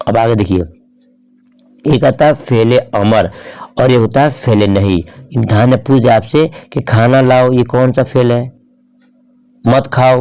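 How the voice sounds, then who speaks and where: Gravelly man teaching grammar. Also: mid-range voice, warm tone. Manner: asks questions and answers them himself, repeats key points. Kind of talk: exam-prep grammar lesson.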